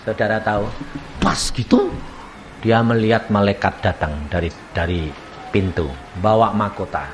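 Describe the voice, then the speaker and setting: A man preaching a sermon, telling stories with acted-out voices, shouts and laughter. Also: lowish voice, moderate pace, slight background noise. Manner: animated storytelling, acts out voices, shouts and laughs.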